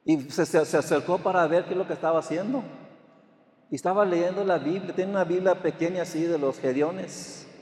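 A man's voice: sits high, a little fast, darkish tone. Older pastor guy preaching, lots of amens, voice bouncing around a big hall. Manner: storytelling with frequent amens and repeated words. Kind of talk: sermon. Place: church.

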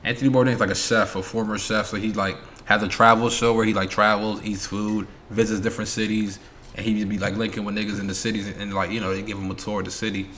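A man's voice: lowish voice, fast, slight background noise. A man from New York co-hosting a casual podcast chat, telling stories with lots of slang and swearing, and acting out what other people said. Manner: animated storyteller, acts out quotes, heavy slang and swearing. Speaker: podcast co-host.

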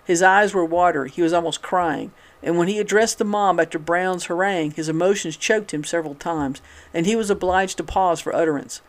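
Higher-voiced man reading an old newspaper. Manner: steady, measured reading with occasional restarts. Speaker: reader of a historical newspaper. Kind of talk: reading a newspaper article aloud.

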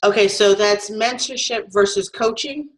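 A woman's voice: mid-range voice, moderate pace, rough recording. A woman host and photographer interviewing a guest in a friendly, opinionated way. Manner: friendly, laughs easily, opinionated. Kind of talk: casual interview chat.

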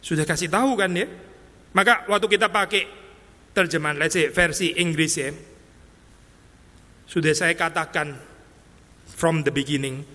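Man, pastor, chatty sermon with English asides, slightly high, echoey church hall. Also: normal speed, pauses often, pushed and bright. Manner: conversational, mixes English phrases, acts out exasperated voices. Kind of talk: expository sermon. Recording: long hall reverb.

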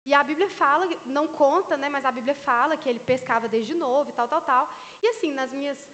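A woman preacher giving a sermon in a relaxed, joking, conversational way at a church service. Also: sits high, fairly quick. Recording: long reverb in a large hall.

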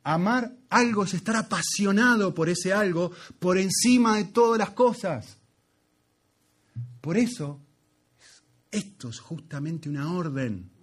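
A man preaching a sermon, emphatic and repetitive, swinging between loud passages and quiet asides. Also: sits high, animated, measured pace, husky.

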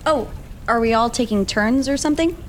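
A woman's voice: on the high side, a little fast, a little hiss or hum, natural voice. A young woman playing a bold, teasing teenage city girl in a naturalistic drama. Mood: confident.

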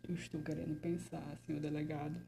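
A woman's voice: deep voice, little pitch movement, fairly quick, creaky, warm tone, a little hiss or hum. A woman playing a frightened male artist under interrogation, who stammers nervously and slips into whispers in a theatrical monologue. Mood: anxious.

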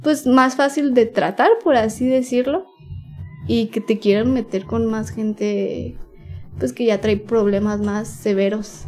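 Young Mexican woman guest with a slightly high voice, candid, slangy, lots of fillers. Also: fairly even intonation, unhurried, a little mellow, soft background music. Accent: Mexican Spanish. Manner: slangy, frank, with many fillers and nervous laughs. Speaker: podcast guest. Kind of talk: candid personal storytelling.

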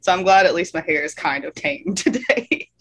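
A woman joins a podcast as the guest author, giggly and self-deprecating. Her pitch swings lively up and down, and there is faint noise behind her. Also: moderate pace. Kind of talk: casual chat.

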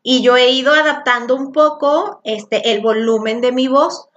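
Mujer venezolana de voz aguda que habla rápido. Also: female voice, high-pitched, highs cut off. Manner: fast, rushed, loud talker. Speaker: spiritual workshop teacher. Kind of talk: teaching a group session.

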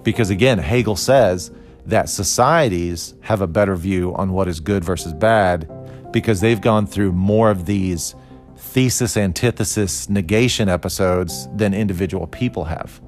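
A man's voice: low-pitched, moderate pace, darkish tone, soft background music. A man in his forties, from Costa Rica, explaining a philosophy idea in a thoughtful, conversational lecture with restarts and fillers. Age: 40s.

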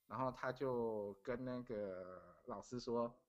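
Middle-aged man, podcast guest, earnest storyteller who repeats himself, mid-pitched voice. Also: takes it slowly, lo-fi sound. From Taiwan. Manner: earnest, repeats phrases while recounting events. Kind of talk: casual storytelling.

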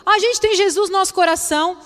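High-voiced woman preaching in a hall. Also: fast talker, a bit bright. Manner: chatty, humorous, acts out quotes. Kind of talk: sermon to a women's gathering. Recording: long hall reverb.

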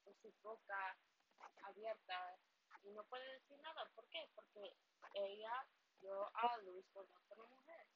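A woman's voice: mid-range voice, measured pace. A woman casually retelling a story, hesitant, with fillers and restarts and English words slipped in. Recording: dull lo-fi recording with steady background noise.

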